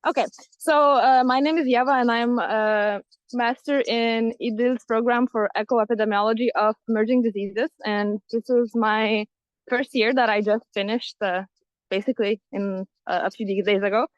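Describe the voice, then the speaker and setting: Over a phone video call with dull, lo-fi audio, a young Lithuanian student ambassador gives a testimony. Her voice is a little high and steady at normal speed, and she sounds hesitant and apologetic, using many fillers.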